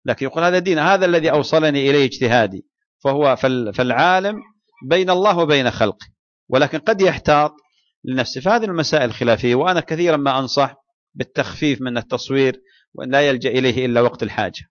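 A man, an Islamic scholar, answers questions in a religious lecture at a quick pace. His delivery is deliberate, with frequent restarts. The sound is dry and a little dull. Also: mid-range voice, no echo.

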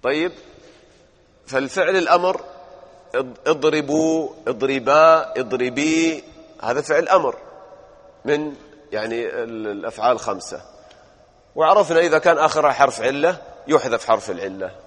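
A man's voice: mid-range voice, moderate pace, long pauses, a bit bright, in a large hall. A male grammar teacher, drilling verb forms and quizzing his students in a classroom lesson.

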